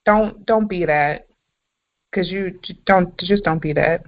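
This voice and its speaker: A woman's voice: lowish voice, slow pace, highs cut off. A woman co-hosting a podcast, chatting casually and ranting bluntly with lots of swearing and emphatic stresses. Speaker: podcast co-host. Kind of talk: casual chat.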